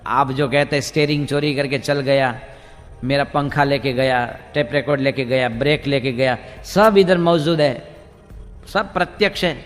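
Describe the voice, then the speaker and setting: A man's voice: mid-range voice, steady tone, normal speed, big-room sound, soft background music, lightly acted. A man voicing a matter-of-fact police constable in a comic sermon story, speaking in a mock-formal way. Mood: puzzled.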